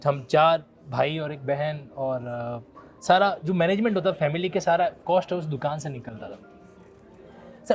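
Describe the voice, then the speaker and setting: A man in his thirties from Rajasthan, telling the story of his struggles in a casual, respectful conversation. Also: on the high side. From Rajasthan, India. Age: 30s. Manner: respectful, frequently addresses the other as sir. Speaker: law educator.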